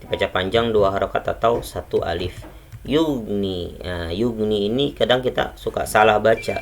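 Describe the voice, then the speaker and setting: A man teaching Quran recitation rules in a patient, unhurried way, correcting common mistakes. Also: on the low side, vocal fry. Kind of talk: tajwid lesson with recited examples.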